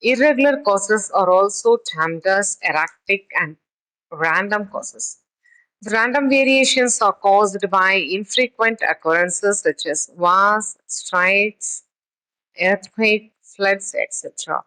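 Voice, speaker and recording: A woman lecturer working through a statistics lesson at a mid-range pitch. She talks in a halting way, with many pauses, fillers and restarts, and moves between reading a text and explaining it. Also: sharp tone, rough recording. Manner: reads text then explains in her own words. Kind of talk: recorded lecture.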